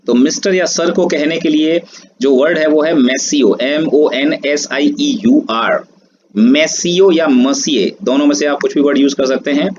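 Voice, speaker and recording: A French teacher gives a screen-based language lesson in a slightly slow, somewhat high male voice, spelling words letter by letter and drawing out pronunciations. The lo-fi audio is dull, with steady background noise.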